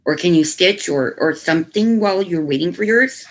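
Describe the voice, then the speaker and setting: A chatty woman with a low voice hosts a relaxed craft livestream from her home at a moderate pace. She talks easily with viewers and slips into doting baby talk with her pets.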